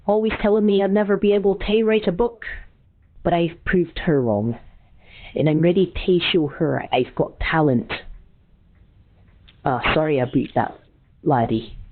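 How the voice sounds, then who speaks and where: An older man with a hoarse voice, chatting folksily on a phone call and calling people laddie. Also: fairly high pitch, unhurried, pauses often. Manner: folksy, calls everyone laddie. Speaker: caller. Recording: tinny phone line, faint noise.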